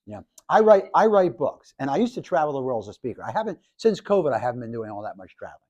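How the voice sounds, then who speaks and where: A man in his seventies, a professor giving a lively, jokey classroom lecture to students, with many restarts. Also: mid-range voice, fast. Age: 70s. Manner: animated, jokey, talks to the audience, restarts often. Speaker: professor and speaker.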